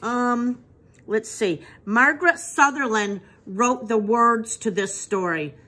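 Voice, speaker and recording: Slow, bright-voiced woman teacher reading to kids. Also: fairly high pitch. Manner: patient, asks children questions and praises answers. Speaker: preschool teacher. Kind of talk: reading a picture book aloud to young children.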